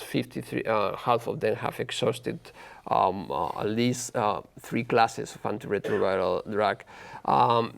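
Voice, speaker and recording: Really gravelly fry-heavy guy giving a medical expert review, halting, keeps hunting for words. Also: medium pitch. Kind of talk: expert conference review with discussion.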